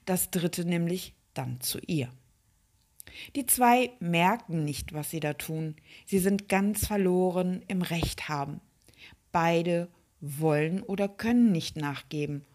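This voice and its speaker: A woman hosting a reflective podcast, speaking softly and slowly, often dropping to a whisper. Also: on the low side. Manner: slow, soft and breathy, with hushed whispered passages. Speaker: podcast host.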